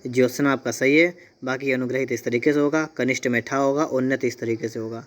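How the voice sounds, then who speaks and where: A man's voice: medium pitch, steady tone, quick pace. A man teaching Hindi spelling for exam preparation, patiently explaining each option and repeating key points. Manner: patient, repeats points, says "ठीक है" often.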